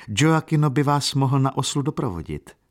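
A man's voice: mid-range voice, lively intonation, pitched above the performer's own voice, natural voice. A man voicing a kindly, shrewd old woman servant who talks in a coaxing, sly way. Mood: scheming.

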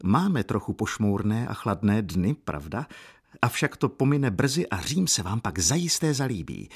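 A man voicing a proud, motherly Roman landlady in her forties, with a husky voice pushed higher. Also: heavily acted. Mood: proud coaxing. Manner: lively, coaxing, proud.

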